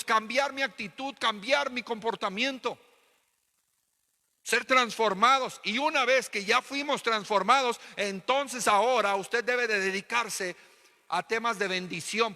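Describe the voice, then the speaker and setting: A Mexican-accented man preaches to his congregation, driving points home with repeated phrases and pointed questions. His voice sits high and cuts sharp and bright. The sound carries the long echo of a church hall. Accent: Mexican Spanish. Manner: preaching with emphatic repetition and rhetorical questions. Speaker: pastor. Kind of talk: sermon.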